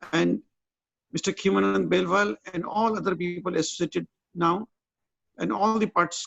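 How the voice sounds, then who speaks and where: A man hosting an online session with a formal, halting welcome speech. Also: sits high, vocal fry, husky. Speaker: session host. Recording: dull lo-fi online call.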